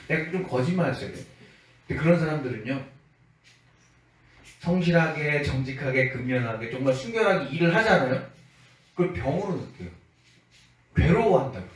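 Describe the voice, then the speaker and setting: A man preaching a sermon as a pastor in a relaxed, conversational way, acting out the voices he quotes. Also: mid-range voice, very echoey, distant mic, low-quality recording.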